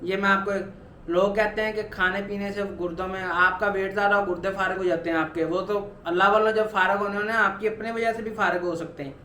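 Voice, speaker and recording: A young man in his twenties with a high-pitched voice speaks straight to his viewers in a personal vlog. He talks earnestly and keeps circling back to the same urging points. The room gives his voice a strong echo, with faint noise underneath. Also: steady tone, brisk, sharp tone. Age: 20s. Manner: earnest, repetitive motivational urging. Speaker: vlogger. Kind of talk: personal weight-loss vlog.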